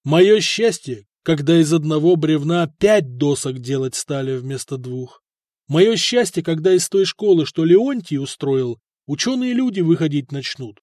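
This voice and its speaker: A man reading an audiobook plays a stern, cold prince who speaks firmly and grows loud and cutting. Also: a little high, expressive, moderate pace, dry recording, clean studio sound. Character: stern, cold middle-aged prince, stubborn ruler.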